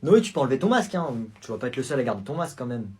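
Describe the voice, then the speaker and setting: A man's voice: mid-range voice, sing-song, very fast, darkish tone. A man performing comedy sketches in a playful manner, shifting between characters.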